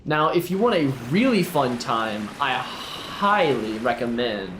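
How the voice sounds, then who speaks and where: A man giving playful, animated commentary while playing a video game, with sing-song asides. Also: medium pitch, a little slow, reverberant, background noise. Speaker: gameplay streamer. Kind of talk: casual gameplay commentary.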